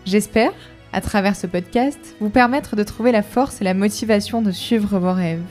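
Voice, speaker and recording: Woman, podcast host, friendly measured delivery, mellow voice, faint music behind. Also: medium pitch. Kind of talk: scripted podcast intro and interview.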